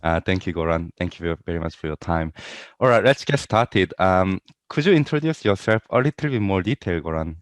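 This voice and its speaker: A male podcast host with a low voice asks questions over a video call and often chimes in with short interjections. The sound is dry and close. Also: lively intonation, a little fast, few pauses, no room sound. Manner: brief backchannel interjections. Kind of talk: casual interview.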